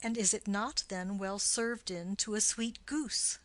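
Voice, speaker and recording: A lovesick young man now trading jests with a friend, read by a woman. He is courteous and playful, in a mid-pitched voice that sounds dry and close. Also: unhurried, fairly bright tone, dry recording, natural voice. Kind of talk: audiobook play reading.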